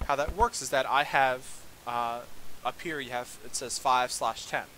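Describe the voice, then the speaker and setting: A man's voice: medium pitch, normal speed, noisy background. A young man giving a casual, rambling walkthrough of a strategy game, full of fillers and self-deprecating asides. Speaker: game tutorial presenter. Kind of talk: casual gameplay commentary.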